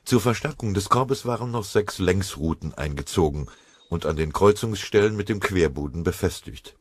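A man reading a history audiobook in scripted, measured, dramatic narration. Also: sits low, lively intonation, slightly rough, dry recording.

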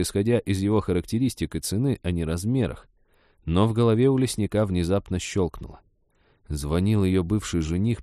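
A man narrates a novel with a measured, even reading. His voice is low and mellow, recorded dry and close to the mic. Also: no room sound. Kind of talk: audiobook narration.

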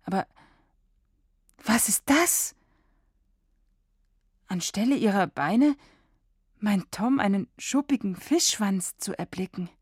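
A woman narrating a scripted radio drama for children in a calm, measured storytelling manner. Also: mid-range voice, breathy edge, no room sound, studio quality.

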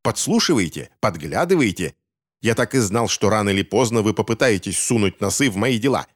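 A man voicing a smug, scheming villain of a gentleman, sneering and contemptuous in an audiobook reading. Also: lowish voice, lively intonation, a little fast, no echo, studio quality. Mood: snarling.

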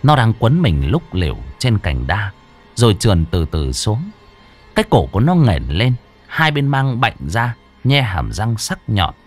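A man's voice: fairly low pitch, a little slow, soft background music. A man narrating a horror folk tale in a dramatic storytelling style. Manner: animated, swooping delivery. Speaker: audiobook narrator.

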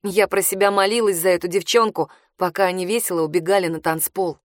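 A woman narrating a first-person novel in a wry, expressive way. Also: on the low side, quick pace, dry recording, clean studio sound. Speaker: audiobook narrator.

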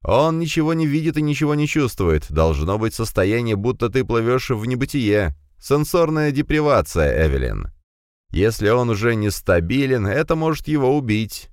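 A man's voice: mid-range voice, big pitch swings, normal speed, a little mellow, clear, resonant tone, no room sound, clean studio sound, pitched above the performer's own voice, close to an everyday voice. A man reading a storybook, voicing a careful male technician who explains things. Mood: cautious. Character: knowledgeable male technician, cautious.

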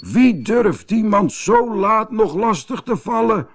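A man voicing a sleepy male badger, gruff when woken and then kindly, speaking in a drawn-out way. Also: sits high, sing-song, a little hiss or hum, voice pushed up, heavily acted. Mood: grumpy.

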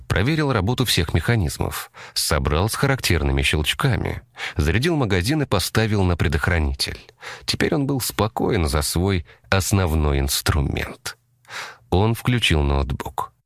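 A man reading a thriller audiobook in a measured, dramatic storytelling manner. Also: low-pitched, no room sound, clean studio sound. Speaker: narrator. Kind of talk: scripted audiobook narration.

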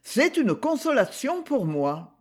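A man's voice: very high-pitched, very animated, slow, husky, pitched above the performer's own voice, exaggerated voice. A man reading a novel aloud, voicing a widower who speaks in a caressing voice. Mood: tender. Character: soft-spoken grieving widower.

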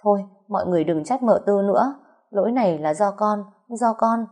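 A woman's voice: medium pitch, brisk, a little mellow, pitched above the performer's own voice, close to an everyday voice. Woman as a scheming young woman feigning injury; Southern Vietnamese accent, self-pitying.

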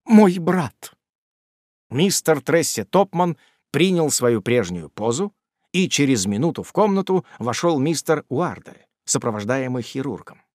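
Expressive male audiobook narrator, lively pitch. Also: moderate pace, no echo, clean studio sound. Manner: expressive, storytelling. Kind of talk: audiobook reading of a classic novel.

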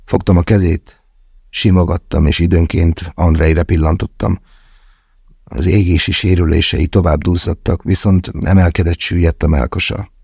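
A man narrating a first-person thriller audiobook in a measured, tense way with slow, deliberate pauses. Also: low-pitched, flat delivery, creaky, darkish tone, slightly rough, dry recording, clean studio sound.

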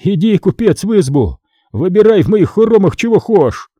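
A man's voice: a little high, lively intonation, moderate pace, no room sound, studio quality, pitched above the performer's own voice. A man doing a desperate, bitter poor peasant. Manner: pleading, trembling, bitter shouting.

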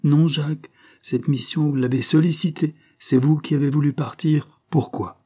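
An anguished young woman pleading with her lover, as a male audiobook reader puts her on. Her voice climbs high and urgent, with a mellow, slightly husky grain. She sounds impassioned and devoted. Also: steady tone, normal speed. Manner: pleading, impassioned, rising in pitch. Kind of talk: audiobook character reading.

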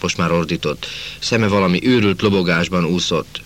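A man reading a novel aloud in the first person, in a measured, dramatic way. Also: low voice. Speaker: audiobook narrator.

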